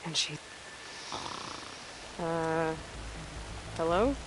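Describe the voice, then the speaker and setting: An earnest young huntress in a video game. Her voice sits a little low and stays understated and determined. Outdoor rain ambience is clearly audible around her. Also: drawn-out words, noisy background. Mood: hesitant. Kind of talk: video game character acting.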